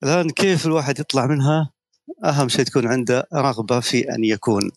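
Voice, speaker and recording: A middle-aged man talks quickly, his words tumbling out in a steady rush. His pitch sits at an ordinary middle level. He argues his points persuasively, like a seasoned media guest. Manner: persuasive, lecturing, tells anecdotes. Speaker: guest speaker, media professional. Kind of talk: spoken talk on an audio chat room.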